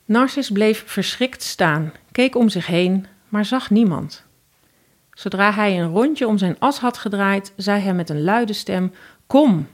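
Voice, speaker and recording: A woman with a Dutch accent narrating a fairy tale in a calm, even storytelling voice. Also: medium pitch, measured pace.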